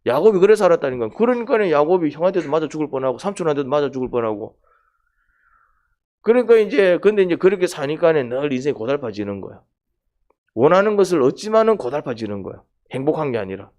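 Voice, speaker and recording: A man's voice: fairly high pitch, sing-song, fast, darkish tone. Man preaching. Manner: conversational preaching, questions the congregation, acts out quoted lines. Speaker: pastor. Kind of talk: sermon at a Wednesday prayer meeting.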